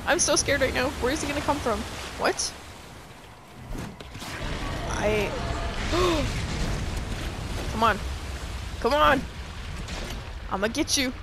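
A woman giving excitable let's play commentary on a horror game, swearing, laughing and fangirling. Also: sits high, takes it slowly, long pauses, background noise. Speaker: gamer playing a horror game.

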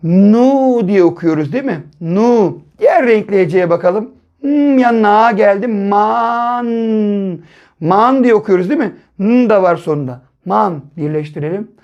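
A male primary school teacher giving a first-grade reading lesson, sounding out syllables slowly and asking the children questions. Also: high voice, darkish tone. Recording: dull lo-fi recording.

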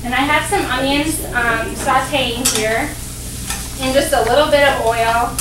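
A woman's voice: high voice, unhurried, far from the mic. A young woman in her twenties giving a cooking demonstration in a large kitchen, explaining each step in a friendly way with frequent ums and uhs. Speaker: dietetic intern doing a cooking demo. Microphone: distant camera mic. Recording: roomy kitchen sound from afar, background noise.

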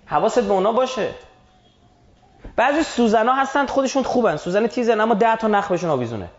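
Male lecturer with a high voice delivering an emphatic, conversational religious talk; muffled lo-fi sound. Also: expressive, echoey room. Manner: emphatic, colloquial, with rhetorical questions.

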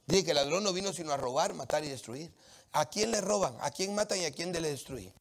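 Gravelly, animated preacher man. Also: a little high, brisk. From Latin America. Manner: animated, emphatic preaching with humorous street anecdotes. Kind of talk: sermon.

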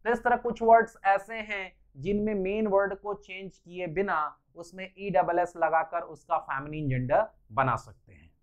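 A man's voice: sits high, unhurried, few pauses. A male English teacher lectures a class. He spells words out letter by letter and explains each point patiently. The recording sounds slightly dull and lo-fi.

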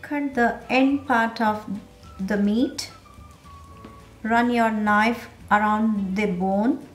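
A woman's voice: fairly high pitch, fairly even intonation, very slow, roomy sound, faint music behind. A woman hosting a home cooking channel, giving plain step-by-step instructions in a voice-over.

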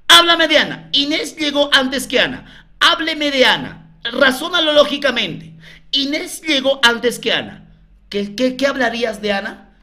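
A man's voice: extremely high pitch, sharp tone. A Peruvian man tutoring math in a live online class, coaxing viewers with repeated questions to the chat.

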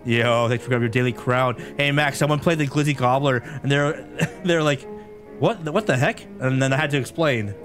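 A man streaming a game live, chatting excitably with viewers and laughing often. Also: mid-range voice, a little fast, faint music behind.

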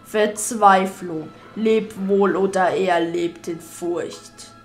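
A woman voicing a menacing dark lord villain while reading game dialogue aloud, with slow, drawn-out, theatrical threats. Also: mid-range voice, steady tone, soft background music.

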